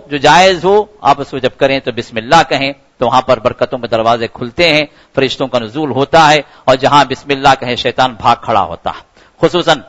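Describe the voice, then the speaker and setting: A man's voice: a little high, a bit bright, rough recording. A man giving a Ramadan sermon, earnest and repetitive, his voice rising sharply for emphasis. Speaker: preacher.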